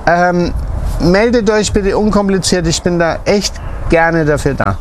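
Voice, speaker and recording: Male chef guest on a cooking segment, slightly high voice, earnest, filler-heavy, light noise behind. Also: a little slow. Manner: explains tradition earnestly, with many fillers. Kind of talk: casual cooking chat.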